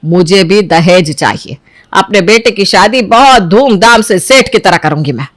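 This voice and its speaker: A woman voices a boastful, dowry-hungry mother-in-law in a cartoon family drama, her pitch swinging widely as she brags and coaxes. The sound is close and dry, with no room around it. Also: animated, measured pace, no echo. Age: middle-aged. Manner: boastful and coaxing. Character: greedy, dowry-proud middle-aged mother-in-law. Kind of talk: animated storybook drama.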